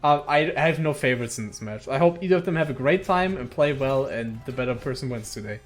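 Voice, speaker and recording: A young man with a medium-pitched, expressive voice talks fast as he casually commentates a speedrun match, swearing often, laughing, and chatting with viewers. He's a tournament commentator doing solo esports commentary in a relaxed style.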